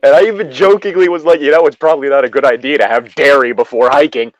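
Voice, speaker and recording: This host reads an internet story quickly in a mid-range voice, interrupting himself with swearing and animated, exasperated commentary. The recording is rough, with no room sound.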